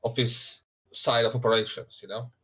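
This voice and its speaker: Halting male game master, medium pitch. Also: flat delivery, fairly bright tone, slightly rough. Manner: halting, searching for words. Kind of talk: improvised tabletop game narration.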